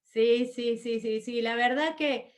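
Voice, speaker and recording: A woman's voice: a little high, slow pace. A middle-aged woman from Argentina with an Argentine accent, chatting as an interview guest with many fillers and restarts. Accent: Argentine Spanish. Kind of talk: conversational interview.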